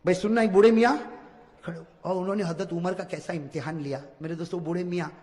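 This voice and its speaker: A man preaching a sermon, telling a story with sudden drops to a hush and bursts of shouting, and he calls on the crowd to repeat after him. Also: high voice, fairly even intonation. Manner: dramatic, swings from hushed to shouting, urges the crowd to repeat. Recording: long hall reverb.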